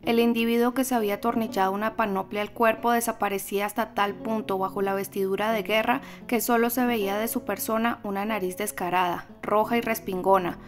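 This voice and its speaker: A woman with a Latin American Spanish accent narrating an audiobook in a calm, measured way. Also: medium pitch. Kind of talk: scripted narration.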